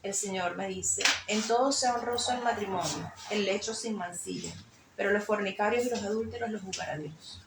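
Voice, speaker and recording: A woman's voice: medium pitch, normal speed, noisy background. A woman sharing an emotional personal faith testimony, telling her story with many fillers. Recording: echoey room with faint ambience.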